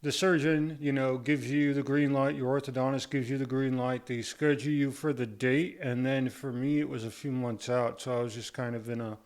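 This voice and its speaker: A man's voice: mid-range voice, fairly even intonation, moderate pace, few pauses, a little mellow. Man talking through a tight, barely open jaw. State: mouth held tight by rubber bands after jaw surgery, talking with difficulty. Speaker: vlogger giving a surgery recovery update. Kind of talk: casual talk to camera.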